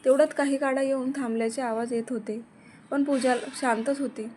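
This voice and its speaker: A woman narrates a serialized love story in a steady reading voice. Her voice sits high, and there is a faint hiss behind her. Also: a little fast.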